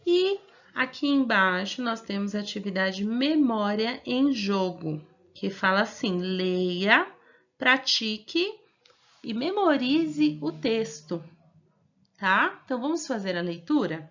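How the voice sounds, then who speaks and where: A Brazilian woman teaching young children in a recorded lesson, her voice sitting a little high. She walks through each task slowly and patiently, checking often that the class is following. The recording sounds dull and lo-fi. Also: big pitch swings, fairly bright tone. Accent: Brazilian Portuguese. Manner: patient, explains step by step with frequent "tá bom?" check-ins. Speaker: primary school teacher. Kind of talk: recorded remote class instructions.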